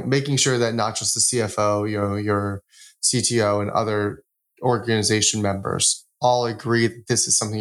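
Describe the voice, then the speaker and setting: Low-voiced laid-back podcast co-host, a man. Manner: relaxed, loose, heavy on "you know" and "like". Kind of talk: casual tech podcast discussion.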